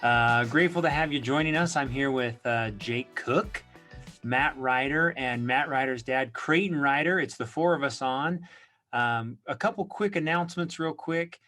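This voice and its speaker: Brisk, upbeat male podcast host. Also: mid-range voice, pushed and bright, soft background music. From Utah. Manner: brisk, upbeat delivery with frequent fillers. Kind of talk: podcast introduction and announcements.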